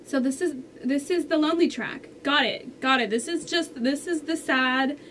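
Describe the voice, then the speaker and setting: Woman, reaction vlogger, casual commentary, high voice, gushing, squealing exclamations. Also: normal speed, fairly bright tone, slight background noise.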